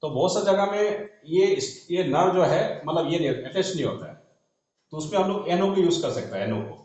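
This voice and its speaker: A man explaining shorthand in a classroom, spelling out letters as he writes and often trailing off softly. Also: on the high side, animated, normal speed. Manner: talks while writing on a board, spells letters aloud, trails off softly. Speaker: shorthand teacher. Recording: echoey dull room recording.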